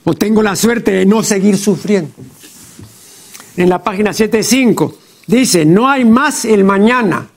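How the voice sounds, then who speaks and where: A man hosting a TV program, talking through errors in a translation in a deliberate, pedantic way, often tagging his sentences with a questioning "no?". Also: high voice, creaky. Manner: deliberate and pedantic, with frequent "¿no?" and "pues". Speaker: TV program host. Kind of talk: studio commentary critiquing a translation. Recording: TV program audio.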